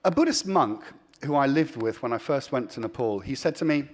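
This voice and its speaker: Here a charity founder delivers an earnest award acceptance speech in an animated, mid-range voice. Pauses and false starts are frequent, and he shifts between strong emphasis and a softer tone.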